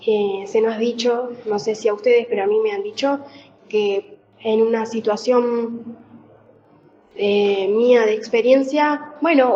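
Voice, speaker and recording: A woman preaching a Bible reflection in a conversational way, pausing often with fillers. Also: a little high, darkish tone, highs cut off. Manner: conversational, with many fillers and pauses. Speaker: church speaker.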